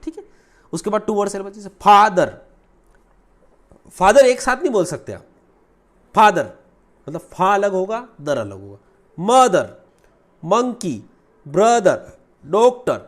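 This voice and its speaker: Male grammar teacher, slightly high, animated voice, explains in Hindi with English terms. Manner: explains in Hindi, mixing English terms, repeats key words slowly; lively teacherly delivery, asks and answers own questions.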